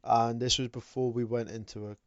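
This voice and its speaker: A young man with a smooth, clear voice co-hosts a podcast, picking his way through his thoughts with ums and pauses. The recording is dry and slightly dull and lo-fi. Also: medium pitch, level tone, no room sound. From United Kingdom. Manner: hesitant, full of ums and pauses. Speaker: podcast co-host. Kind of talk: casual chat. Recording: dull, lo-fi mic.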